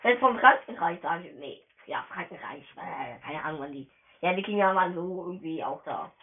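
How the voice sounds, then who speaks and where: Excitable woman gaming on a tinny line. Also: on the low side, normal speed. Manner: excitable, chatty, slangy, often stumbles over words. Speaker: gamer narrating her play. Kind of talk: casual let's-play commentary. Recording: tinny phone-quality voice message.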